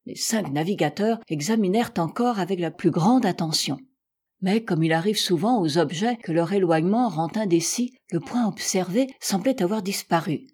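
A woman narrating a classic adventure novel as an audiobook, measured and expressive, with dramatic rises in her voice. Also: lowish voice, breathy edge. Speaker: audiobook reader.

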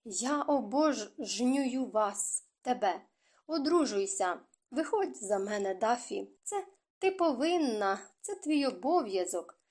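A drunken young suitor pleads in a slurred, drawn-out voice. A woman acts him out in a storybook reading. He sounds lovesick and unsteady. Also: on the high side, animated, a little mellow.

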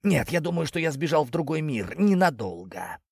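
A man's voice: a little high, very animated, moderate pace, vocal fry, darkish tone, slightly rough, no echo, studio quality, voice pushed up, heavily acted. A man doing a whiny, jumpy snake. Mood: bewildered. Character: timid male snake, whiny and easily frightened.

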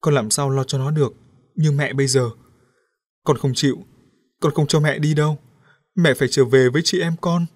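A man's voice: fairly high pitch, fairly even intonation, normal speed, pauses often, no room sound, clean studio sound, pitched above the performer's own voice, close to an everyday voice. A man voicing a grieving young daughter in an audiobook, pleading and tearful with rising cries. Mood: grief-stricken pleading. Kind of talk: audiobook character voice.

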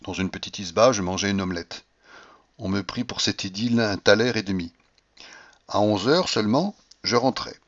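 A man reading a classic novel aloud as an audiobook, with a dramatic, expressive delivery that acts out the scenes. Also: moderate pace, dull audio. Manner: dramatic, shifts pitch to act out scenes. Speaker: audiobook reader. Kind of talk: expressive literary narration.

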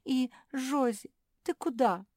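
A woman reads as a commanding boy pug who drags out his words slowly. Dry, close storybook sound. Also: high voice, darkish tone, dry recording, voice pushed up.

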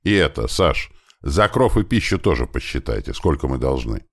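A man's voice: a bass voice, sing-song, normal speed, heavily acted. A man voicing a friendly, direct male crew leader in an audiobook. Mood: casual.

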